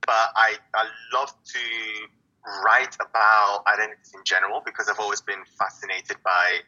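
A man who grew up in Italy, a poet guest speaking casually in an interview, reflective and halting, with many restarts. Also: fairly low pitch, level tone, pushed and bright, lo-fi sound.

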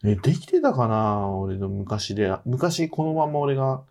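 A man co-hosting a podcast in casual chat, talkative and quick with short agreeing nods. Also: medium pitch, big pitch swings, darkish tone. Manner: chatty, reacts with short nods. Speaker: podcast co-host.

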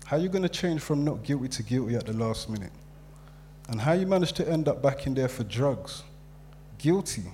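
A man playing an exasperated sister who tears into her brother for lying to everyone. The voice is mellow and warm, and a faint hum runs beneath it. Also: mid-range voice, close to an everyday voice. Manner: reproachful, exasperated.

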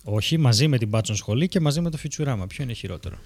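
A man's voice: mid-range voice, no echo. A man co-hosting a podcast, chatting casually and playfully. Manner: animated, playful, drops English phrases. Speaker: podcast co-host. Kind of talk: casual chat.

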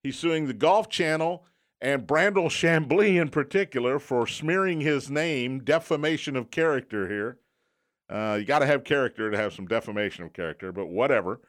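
A man's voice: mid-range voice, lively intonation, normal speed. A man hosting sports talk radio from a studio, reading promos and chatting in an emphatic announcer style with joking asides. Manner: joking, self-deprecating. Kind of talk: sports talk radio with live sponsor reads.

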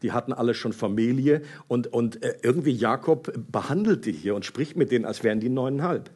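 Husky man reading and preaching. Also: medium pitch, brisk. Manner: conversational, animated asides with hesitations. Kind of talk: Bible reading and sermon commentary.

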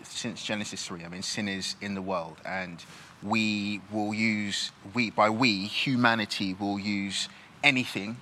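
A man born in Nigeria and raised in this country answers questions on a reflective church panel, thoughtfully and haltingly, with many restarts. His voice is lowish, steady, bright and forceful, with slight background noise.

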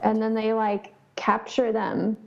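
A woman's voice: on the high side, monotone, a little slow, highs cut off. A tired woman co-hosting a podcast, laid-back with short replies and fillers. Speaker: podcast co-host. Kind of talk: casual chat.

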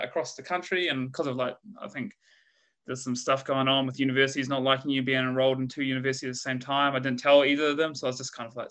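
Joining a podcast interview by video call, a thirty-something guest researcher from New Zealand keeps things relaxed and full of slang. His mid-range voice has a fairly bright tone.

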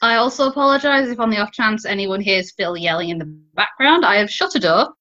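This podcast co-host speaks in a bright, forceful mid-range voice, animated and fairly quick. She chats casually over a video call, poking fun at herself with frequent laughter, captured in dull lo-fi call audio.

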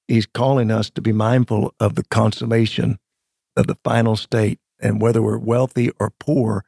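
A man explaining theology as a guest teacher, in measured phrases with emphatic pauses. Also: medium pitch, vocal fry, mellow, slightly rough, dry recording, studio quality. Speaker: guest Bible scholar. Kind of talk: explanatory theological interview talk.

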